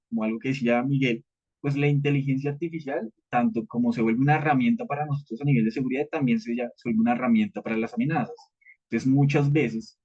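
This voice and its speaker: A man teaching a live training session, casual and conversational, often pausing to ask the group whether they follow. His voice is somewhat husky and mid-pitched. The audio is dull and lo-fi. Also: darkish tone. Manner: conversational teaching, frequent "¿listo?" checks, repeated fillers. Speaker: cybersecurity trainer.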